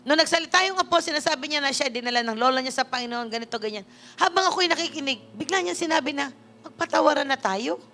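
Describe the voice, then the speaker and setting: A woman's voice: high-pitched, rapid-fire, pushed and bright. A middle-aged woman from the Philippines, a pastor giving a sermon and telling a personal story, slipping English phrases into her talk. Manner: storytelling preacher, switching freely into English phrases. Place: church worship service.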